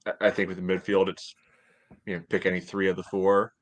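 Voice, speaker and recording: A middle-aged American man with a low, level voice co-hosts a podcast, speaking briskly. He casually analyzes sports from home over a video call.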